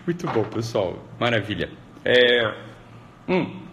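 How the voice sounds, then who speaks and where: A man's voice: medium pitch, big pitch swings, takes it slowly, a bit bright. A man hosting a live stream, talking casually and rambling, with frequent "né" and restarts. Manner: rambling, heavy use of "né" and restarts. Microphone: computer or phone mic on a live stream.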